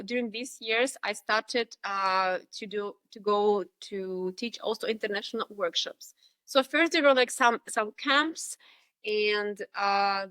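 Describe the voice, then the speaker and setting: A Russian woman in her thirties, a dance instructor, speaks as a podcast guest with a Russian accent, reflecting on things with many fillers and restarts. Her medium-pitched voice is pushed and bright, and there is no room sound.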